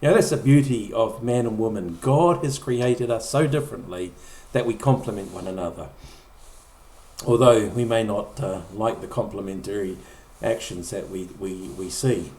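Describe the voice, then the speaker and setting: A man's voice: fairly low pitch, normal speed, a little mellow. A middle-aged man preaching a conversational sermon, often repeating or restarting words and acting out short quoted lines. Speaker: pastor. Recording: echoey room.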